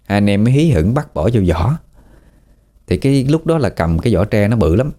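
A man with a Southern Vietnamese accent narrating a ghost story in a relaxed, folksy way with fillers. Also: lowish voice, brisk.

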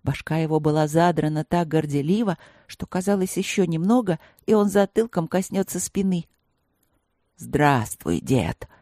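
Audiobook reader, even measured fantasy narration, dark voice, dead dry room. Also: medium pitch, no echo.

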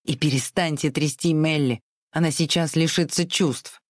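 A reader voicing a spiteful spinster in an audiobook, sharp and accusing. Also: medium pitch, fairly even intonation, moderate pace, no echo, studio quality, natural voice. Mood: gloating. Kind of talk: audiobook reading.

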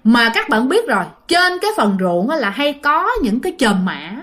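A ghost story channel narrator tells listener-submitted ghost stories in a sing-song, slightly high, fairly bright voice at normal speed. She's chatty and casual, uses lots of fillers and speaks directly to her audience.

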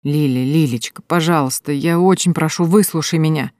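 A woman's voice: low voice, normal speed, a little mellow, dry recording, studio quality, natural voice. A woman voicing a desperate grown man in an audiobook, pleading urgently.

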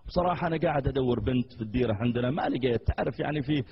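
A man's voice: mid-range voice, racing, muffled recording, noisy background, voice pushed down, lightly acted. A man voicing an eager young man who pleads and rambles on at length. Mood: earnest rambling. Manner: pleading, long-winded.

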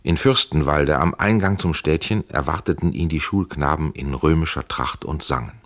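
A man narrating a historical audiobook in a measured, calm way. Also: very deep voice.

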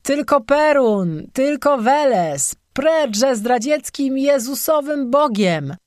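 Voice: medium pitch, normal speed, a little mellow, no room sound, clean studio sound, natural voice. A narrator voicing a drunken bald peasant who howls and bellows pagan chants in an audiobook. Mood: rowdy drunk. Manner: howling, slurred bellowing. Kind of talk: audiobook character voice.

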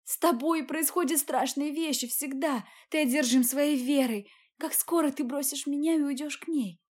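A woman's voice: high-pitched, normal speed, voice pushed up, natural voice. A woman voicing Katya, a frightened, tearful young woman who speaks in a strained, pleading way in an audiobook. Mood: frightened, upset.

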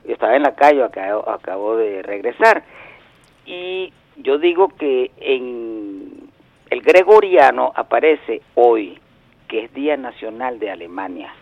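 Calling in to a radio show as he regularly does, a man in his sixties rambles casually and trades wordplay over the phone. He speaks unhurriedly with a medium-pitched voice and lively intonation, and the dull, lo-fi phone line is dry with no echo.

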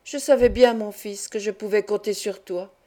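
A woman's voice: medium pitch, unhurried, mellow, lightly acted. A woman reading the lines of a dying old nobleman, frail and domineering, who speaks in a weak, muffled, grumbling voice.

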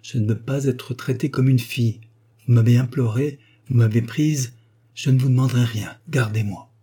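A man reading aloud and voicing a capricious, quarrelsome young Parisian woman with sulky, shrill outbursts. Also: fairly even intonation, moderate pace, dark tone, slightly rough, close to an everyday voice. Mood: pleading.

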